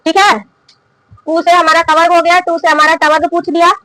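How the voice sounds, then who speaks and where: High, bright-voiced woman teaching grammar. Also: level tone, normal speed, no room sound, rough recording. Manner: asks questions and answers them herself, repeating key terms; coughs now and then. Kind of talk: classroom lesson explaining and drilling.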